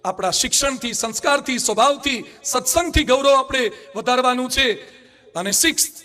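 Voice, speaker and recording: A man's voice: extremely high pitch, normal speed, pushed and bright. A man with a Gujarati accent, a monk giving a sermon, telling anecdotes and acting out the people in them. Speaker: Swaminarayan monk preacher.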